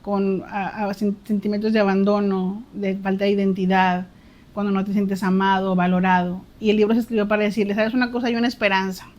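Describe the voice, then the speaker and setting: A woman's voice: medium pitch, flat delivery, fairly quick, a little mellow, lo-fi sound. A woman, a podcast guest, telling her faith testimony in an earnest, emphatic way. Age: adult twin sister.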